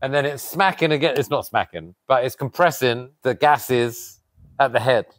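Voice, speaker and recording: A custom motorcycle builder in his thirties does a casual show-and-tell outdoors by a garage door, wearing a lapel mic. He's animated and explains with hand gestures, speaking at a moderate pace in a medium-pitched voice.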